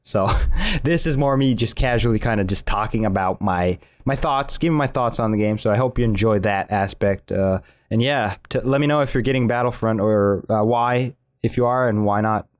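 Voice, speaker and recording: A man's voice: fairly low pitch, moderate pace. A man casually commenting over his own gameplay footage as a channel host, rambling with many restarts.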